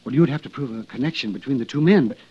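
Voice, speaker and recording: An actor playing a nervous, hedging lawyer with a husky voice who hesitates and wavers, in old-time radio drama style. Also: male voice, mid-range voice, rapid-fire, natural voice. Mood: worried. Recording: dull lo-fi old radio recording.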